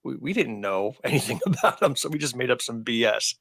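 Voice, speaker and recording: A man's voice: mid-range voice, animated, brisk, creaky, fairly bright tone, no echo. A man in his fifties, co-hosting a podcast in casual chat and telling rambling, anecdotal stories. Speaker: podcast co-host.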